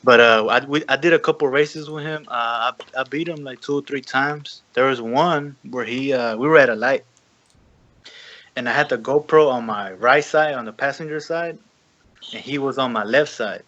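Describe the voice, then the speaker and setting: A man's voice: mid-range voice, moderate pace, a bit bright. Self-mocking young man, dull lo-fi sound. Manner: self-deprecating, swears casually, stammers. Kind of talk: casual chat.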